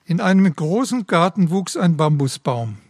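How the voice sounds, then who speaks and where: A man's voice: high voice, very animated, normal speed, no room sound. A man giving a devotional talk in a solemn, reverent way and reading a story aloud. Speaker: preacher.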